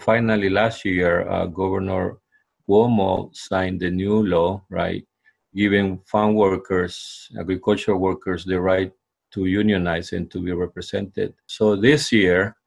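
A union organizer from El Salvador answers interview questions. His voice is very deep with a gravelly rasp, and he speaks hesitantly, leaning on fillers. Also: flat delivery, measured pace.

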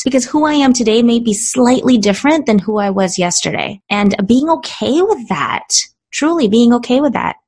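Woman in her thirties, from the Philippines, podcast guest, reflective, expressive. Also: a little high, breathy edge. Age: 30s. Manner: expressive, reflective, casual fillers like "like". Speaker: guest, business coach. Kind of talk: interview conversation.

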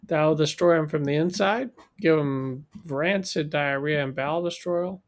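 A man's voice: a little high, a little slow. A man playing an eager, bloodthirsty sandwich-shop soldier, earnest and gung-ho in an improvised comedy sketch.

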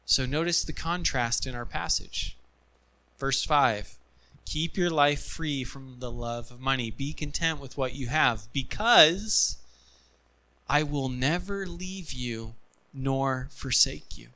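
A male pastor delivers an earnest sermon at an unhurried, deliberate pace. His voice is bright and clear, pressing points home through repetition. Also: mid-range voice, low-quality recording. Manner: earnest, emphatic preaching with repetition; closes in soft, quiet prayer.

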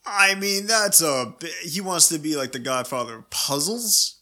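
A man co-hosting a casual podcast, teasing his co-host and quick to laugh. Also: on the high side, animated, sharp tone.

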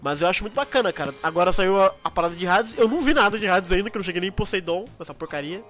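Fast-talking young Brazilian man, higher-pitched voice. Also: expressive, a bit bright, soft background music. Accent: Brazilian Portuguese. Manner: slangy and enthusiastic. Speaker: podcast co-host. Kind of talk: casual chat.

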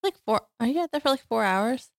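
A woman in her thirties co-hosting a podcast, chatting warmly and affectionately with lots of giggles. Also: a little high, expressive, a little fast, dry recording. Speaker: podcast co-host. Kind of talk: casual family chat.

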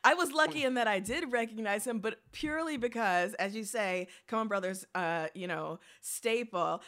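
A woman's voice: fairly high pitch, moderate pace, a bit bright. A woman co-hosting a podcast, chatting casually about a film and often hedging with fillers. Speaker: podcast co-host.

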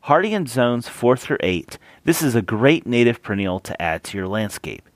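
A man's voice: mid-range voice, very animated, normal speed, dry recording. A man with a Tennessee accent reading a scripted introduction as a podcast host.

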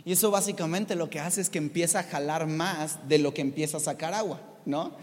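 A man preaching a sermon, telling a personal story in an animated way and putting questions to the congregation. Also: on the high side, a little fast, long reverb tail. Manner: animated, addresses the audience with questions.

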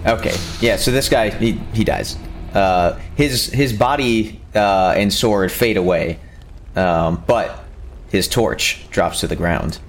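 A man's voice: fairly low pitch, slow, slight background noise. A man running a tabletop game as game master, narrating with many hesitations and fillers.

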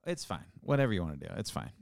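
A man's voice: on the low side, a little mellow, no room sound, studio quality. A man in his forties co-hosting a podcast, chatting casually with playful teasing and rambling restarts. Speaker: podcast co-host. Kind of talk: casual chat.

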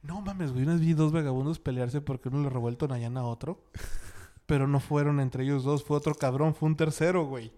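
A man's voice: a little high, fairly even intonation, fairly quick, mellow. A young Mexican man with a Mexican Spanish accent, telling slangy anecdotes with laughs in a casual chat.

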